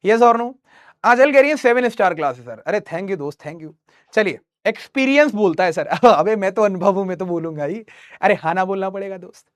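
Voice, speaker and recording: A man's voice: high voice, moderate pace, dry recording, studio quality. A young man teaching math live online, teasing students and reading their chat messages.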